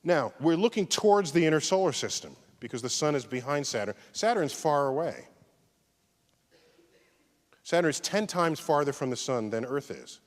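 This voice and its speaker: A man giving a public science lecture, animated and swinging from loud exclamations to hushed musing. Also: fairly high pitch, normal speed. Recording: long hall reverb.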